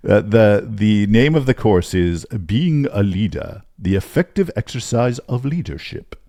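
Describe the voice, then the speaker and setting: A man's voice: lowish voice, lively intonation, unhurried, mellow, no echo, clean studio sound. A man putting on a stodgy British accent, playing a stiff academic man reading a formal title. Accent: British, put on.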